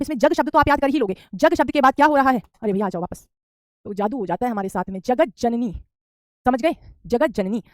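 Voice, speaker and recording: Brisk, high-voiced woman teaching spelling. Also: dry recording, clean studio sound. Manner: brisk, repeats each correct word, addresses students as beta. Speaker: Hindi teacher. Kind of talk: online spelling lesson.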